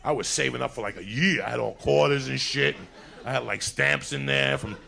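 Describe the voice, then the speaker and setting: Gravelly New man telling crude stories. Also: medium pitch, brisk. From New York City. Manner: crude, animated, laughing through his own story. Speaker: storyteller. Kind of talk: profane comedic storytelling.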